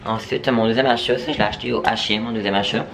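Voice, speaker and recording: A man's voice: on the low side, fairly even intonation, fast talker, gravelly, fairly bright tone, a little hiss or hum. A young man from Quebec with a Quebec French accent, chatting casually at home to his camera in a vlog, full of fillers and hesitations. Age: young adult. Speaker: vlogger. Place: at home, indoors.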